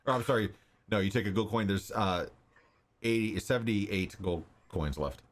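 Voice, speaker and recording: A man's voice: on the low side, moderate pace. A man narrating a tabletop game casually as game master.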